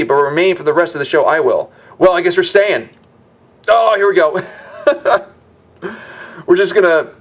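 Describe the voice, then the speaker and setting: A man hosting a gaming video, reading game lore aloud and breaking off for chatty, wry asides. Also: fairly high pitch.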